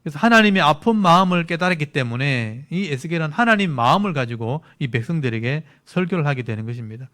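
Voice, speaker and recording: A man's voice: fairly high pitch, animated, fast, few pauses, a bit bright. A male pastor preaching an expository midweek sermon, reading verses aloud and explaining them plainly to his congregation. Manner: explains scripture plainly, reads verses aloud, asks listeners to look at verses.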